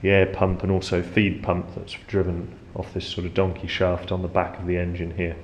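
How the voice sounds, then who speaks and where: Speaking at a normal speed, a man with a deep voice explains things along the way on a casual tour of a ship's engine room. He keeps his delivery very flat. Faint background noise sits under an echo that bounces off the metal walls.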